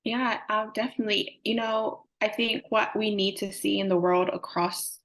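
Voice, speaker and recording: A woman's voice: mid-range voice, fairly even intonation, moderate pace, fairly bright tone. A young woman, answering interview questions earnestly with frequent fillers. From Samoa. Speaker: climate advocate guest.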